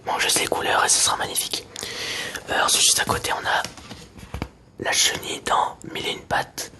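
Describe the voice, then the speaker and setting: A man chatting casually in a soft, breathy library whisper for ASMR, hesitant and unhurried. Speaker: ASMR video creator.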